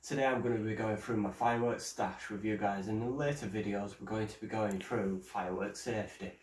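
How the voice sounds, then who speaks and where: A man's voice: on the low side, fairly even intonation, brisk, a little mellow, echoey room, distant mic. A man presenting his own vlog in a casual show-and-tell way, hesitant and stumbling like a first-timer. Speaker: fireworks vlogger.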